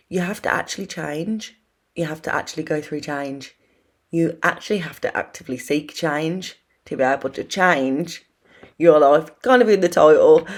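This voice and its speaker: A young British woman with a slightly wheezy voice, chatting casually and informally to viewers as the host of a self-help video. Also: deep voice. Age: young adult. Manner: informal, rambling and confiding.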